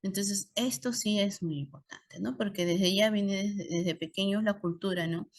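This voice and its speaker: A woman's voice: medium pitch, normal speed, darkish tone. A middle-aged woman with a Peruvian Spanish accent, an obstetrician lecturing in an online course and telling clinical anecdotes with frequent tag questions.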